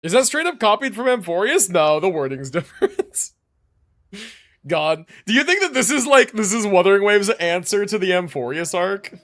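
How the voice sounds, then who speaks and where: A man livestreams a video game, chatting casually and reacting with slangy, mildly sweary commentary. His voice sits high and fairly bright, with big pitch swings at a normal speed, and game music and dialogue play in the background.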